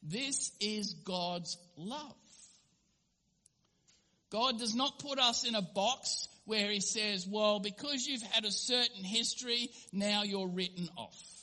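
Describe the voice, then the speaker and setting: A man's voice: high voice, takes it slowly, sharp tone. A male pastor giving an earnest sermon, sometimes acting out little everyday scenes in different voices. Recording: long hall reverb.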